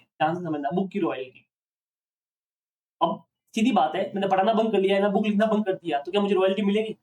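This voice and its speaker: A male accounting teacher lecturing a classroom, often pausing to ask students questions to check they follow. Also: high voice, recorded from a distance, slight background noise.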